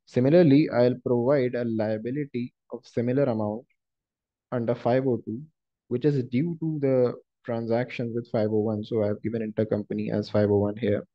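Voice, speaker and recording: A man acting as a trainer narrates a software lesson over a screen recording, explaining each step in a halting, instructive way. His voice is average in pitch with a steady tone, and the lo-fi recording sounds dull.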